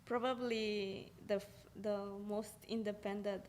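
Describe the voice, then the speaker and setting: A woman's voice: medium pitch, unhurried, slight background noise. A young woman from Mexico, a student guest, telling stories animatedly with laughs. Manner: animated storyteller, laughs mid-story. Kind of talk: casual chat.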